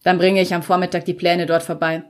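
A woman's voice: fairly low pitch, little pitch movement, fairly quick, natural voice. A woman voicing an impatient, stiff businessman in a read-aloud novel excerpt, speaking in clipped lines close to her own voice.

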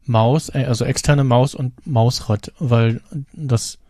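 Male podcast co-host, rambling casual talk, warm dark voice, dry booth sound. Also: mid-range voice, steady tone, takes it slowly, no room sound. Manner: rambling, many fillers and restarts. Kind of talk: casual chat.

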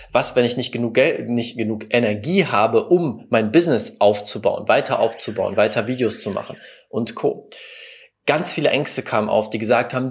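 A man hosting a self-help podcast, telling a personal story in an earnest, confessional way that swings between quiet and emphatic. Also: medium pitch. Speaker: podcast host and coach.

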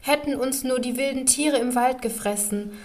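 A man's voice: very high-pitched, normal speed, pitched above the performer's own voice. A man voicing a frightened little girl in a fairy tale reading, pleading and tearful.

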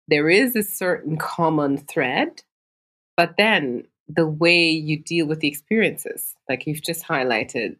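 A woman from Africa hosts a podcast, speaking in a low-pitched, slightly bright voice. She asks long, thoughtful questions in a conversational interview.

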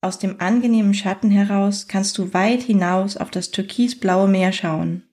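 A woman narrating a scripted guided fantasy journey in a soothing, unhurried manner, leaving long pauses between phrases. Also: medium pitch, fairly even intonation, dark tone.

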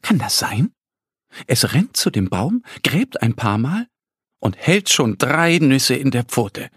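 A man narrating a children's audio story in a gentle storytelling manner with a husky voice. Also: mid-range voice, sing-song, slow pace, no echo, studio quality.

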